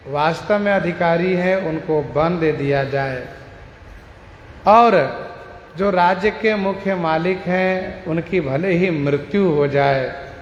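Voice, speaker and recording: A man giving a devotional scripture discourse, explaining verses slowly and repeating lines for emphasis. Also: high voice. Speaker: scripture expounder. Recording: echoey hall with long reverb and faint noise.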